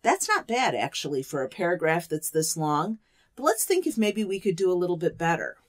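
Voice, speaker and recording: A woman's voice: on the low side, very animated, fairly quick. A woman teaching an online programming course, explaining step by step and asking the listener to think along. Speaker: course instructor. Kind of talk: lecture.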